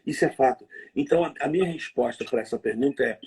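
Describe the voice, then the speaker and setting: A man preaching conversationally on a livestream, telling stories in a lively, slangy way. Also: medium pitch, slightly rough. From Rio de Janeiro. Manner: lively storytelling, slangy, quick asides.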